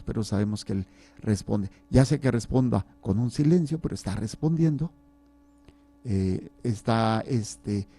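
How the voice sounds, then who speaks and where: Mellow-voiced priest teaching scripture. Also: male voice, medium pitch. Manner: conversational, reads scripture aloud, fillers and jokes with listeners. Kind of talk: Bible study teaching.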